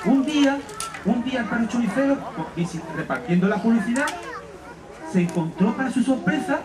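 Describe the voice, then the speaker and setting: An animated storyteller from Spain entertains children, his fairly high voice bouncing up and down as he stops and restarts. He sounds far from the mic in an echoey room, and a crowd murmurs behind him. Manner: animated, halting narration with restarts. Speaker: storyteller and author. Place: live storytelling session.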